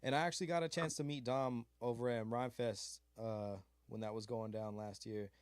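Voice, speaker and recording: A man's voice: mid-range voice, fairly even intonation, normal speed, smooth, no room sound. A man from California's Mojave desert, a beat maker being interviewed, talking in a laid-back, rambling way full of fillers and slang. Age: adult with a child. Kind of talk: casual interview chat.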